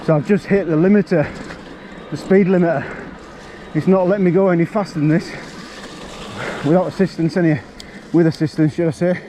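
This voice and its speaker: A man's voice: sits high, steady tone, brisk, dark tone, a little hiss or hum. A man, a bit out of breath, chatting bluntly to camera while riding an e-bike up a forest trail. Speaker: mountain biking vlogger.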